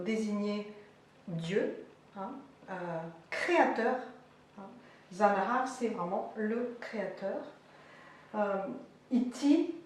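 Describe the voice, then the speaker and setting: A woman teaching a language lesson, explaining words slowly with many hesitations and fillers. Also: mid-range voice, a little mellow. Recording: echoey room, voice far from mic, faint noise.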